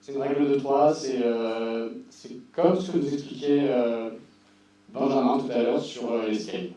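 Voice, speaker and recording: A mellow-voiced man gives a casual, wry technical talk. He sounds distant from the microphone, in a very echoey room. His delivery is informal, with dry asides. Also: mid-range voice, measured pace. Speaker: conference speaker. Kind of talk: informal technical presentation with slides. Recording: roomy echo, distant mic, faint hum.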